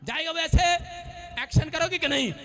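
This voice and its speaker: A male pastor, preaching a sermon in church with emphatic, joking storytelling and shouted prayers. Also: very high-pitched, normal speed.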